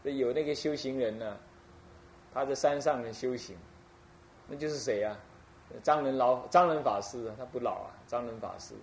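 A man's voice: medium pitch, moderate pace, slight background noise. A man from Taiwan, an abbot giving a folksy Buddhist sermon and demonstrating chanting.

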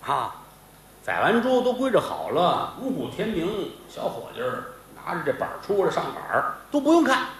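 Male stage storyteller, animated delivery, very echoey live theater, faint noise. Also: sits high, normal speed. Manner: animated, vivid, full of sound words. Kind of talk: traditional comic storytelling on stage.

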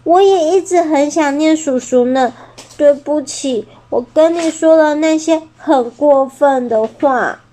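A spirited little flying-dinosaur girl from a storybook, with a high, childlike voice that pushes hard on her words as a woman puts her on. She talks slowly and clearly. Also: dark tone. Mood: tender.

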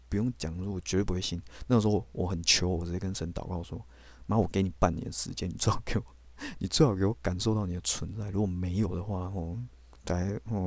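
A man's voice: sits low, darkish tone, no echo. A man, telling his faith testimony on a podcast in a blunt, candid way with casual swearing. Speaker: podcast host.

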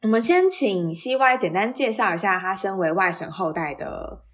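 A woman's voice: medium pitch, expressive, normal speed. A woman with a Taiwanese Mandarin accent hosting a casual interview, curious and asking follow-up questions. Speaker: podcast host.

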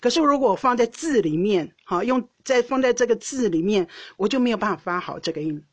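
A woman's voice: a little high, lively intonation, brisk, no room sound. A woman from Taiwan with a Taiwanese Mandarin accent, hosting a podcast and telling a personal story in a chatty way, often restarting her sentences with small laughs. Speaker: podcast host. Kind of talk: casual storytelling monologue.

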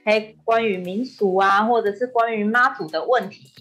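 A woman with a Taiwanese accent hosting a talk show in a lively, casual style. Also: mid-range voice, moderate pace, soft background music.

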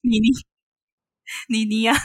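A woman co-hosting a casual chat podcast, telling stories with animated delivery, acting out both sides of arguments and laughing often. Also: on the high side, a little slow, dry recording. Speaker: podcast co-host.

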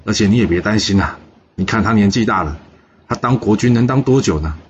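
A man doing a calm, generous ancient king. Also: fairly low pitch, a little fast, lo-fi sound, a little hiss or hum, lightly acted. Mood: easygoing.

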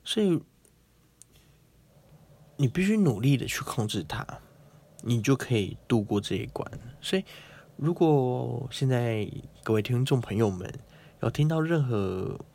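A man's voice: mid-range voice, animated, a little slow, gravelly, pauses often, a little mellow, breathy edge. A man hosting a casual, playful explainer talk, chatting and acting out quotes. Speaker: host.

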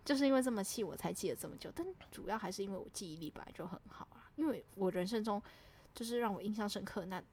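A young woman casually telling a story on a podcast, swinging from hushed mutters to loud indignant outbursts. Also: medium pitch, racing, slightly rough. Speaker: podcast co-host.

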